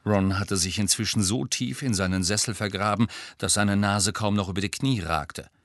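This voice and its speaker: A man reading an audiobook aloud in a lively, expressive way on a close studio mic. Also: on the low side, moderate pace, dry recording. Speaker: audiobook reader.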